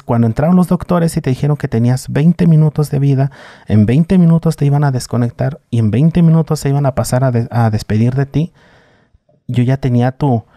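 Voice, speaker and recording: A man's voice: medium pitch, no echo, clean studio sound. A man with a Mexican accent, a podcast guest, recounting a personal story in casual slang and acting out the others' lines. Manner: animated retelling with slang and voices for others.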